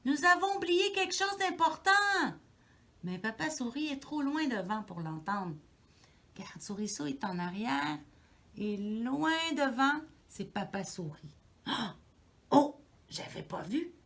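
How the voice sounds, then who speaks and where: A daycare educator with a Québécois accent reads a picture book aloud to young children. Her voice swoops widely and sits a little high, and she reads slowly. She breaks in with gasps and asides to the listeners. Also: sing-song, gravelly. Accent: Québécois French.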